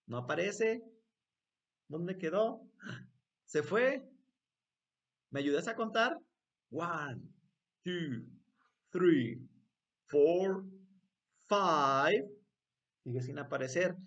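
A man's voice: fairly high pitch, animated, drawn-out words, long pauses, a bit bright, lo-fi sound. A man teaching an online English lesson to young children, switching languages and repeating words for them to echo in a playful voice.

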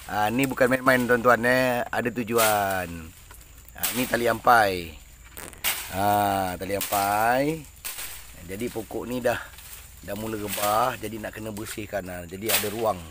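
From a small boat on a river, a middle-aged fishing vlogger with a Malaysian Malay accent offers casual commentary, laughing often and teasing his companion. His voice is lowish and steady in tone, his pace measured, and the background is noisy.

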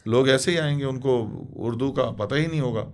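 A man's voice: medium pitch, a little fast. Emphatic man, a poet talking shop. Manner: opinionated and emphatic, rising as he presses a point; informal, says "yaar" often. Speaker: guest poet. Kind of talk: casual conversation on a podcast.

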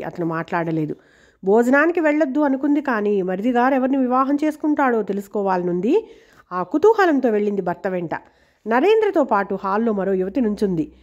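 A woman reading a novel aloud in a steady, expressive storytelling voice. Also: on the high side. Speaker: audiobook reader. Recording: dull lo-fi recording.

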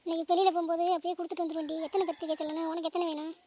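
A woman's voice: extremely high pitch, level tone, very fast, warm tone, a little hiss or hum. A woman voicing a scolding, melodramatic middle-aged mother in a cartoon family drama. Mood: bossy. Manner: nagging, melodramatic.

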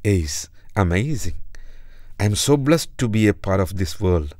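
A man's voice: on the low side, expressive, a little slow, darkish tone, no echo, clean studio sound. A man voicing a cheerful young sunflower seedling, eager and full of wonder. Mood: delighted.

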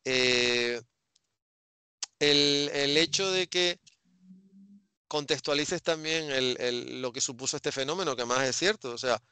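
Bright, crisp Spaniard on a video call. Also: male voice, medium pitch, takes it slowly, pauses often, no room sound. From Spain. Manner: thoughtful, trailing restarts and hesitations. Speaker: interviewer. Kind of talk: casual video-call interview. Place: home room with bookshelves. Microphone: headset on a video call.

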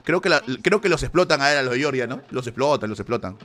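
A man's voice: medium pitch, animated, fast talker, fairly bright tone. A man from Peru with a Peruvian Spanish accent, commentating a live stream as he thinks aloud and yelps when things go his way.

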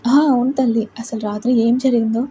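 A woman reads as an elderly grandmother in a storybook tale, fond of her granddaughter-in-law and quick to fret. Her voice is high but very mellow and dark in tone, and she speaks in affectionate, worried questions. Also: flat delivery, a little hiss or hum, close to an everyday voice, poor audio.

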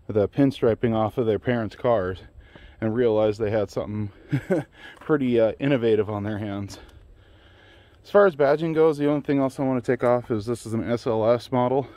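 A man's voice: mid-range voice, dark tone, no echo. Man working on his truck while vlogging, a bit winded, loose, chatty delivery. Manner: casual, rambling, with fillers and laughs. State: out of breath. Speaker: DIY car vlogger. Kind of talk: casual garage vlog.

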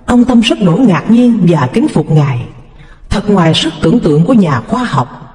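A man reads a devotional story aloud in a high, very lively voice, dramatic and expressive. His tone is mellow and dark, and the voice rings with a long reverb. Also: moderate pace. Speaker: narrator. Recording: echoey, reverberant room.

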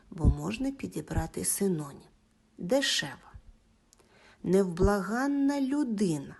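Female schoolteacher from Ukraine; slow, lively pitch, dictation style with praise. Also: husky. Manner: dictates words slowly, praising the class. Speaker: Ukrainian language teacher. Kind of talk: slow, clearly articulated classroom lesson.

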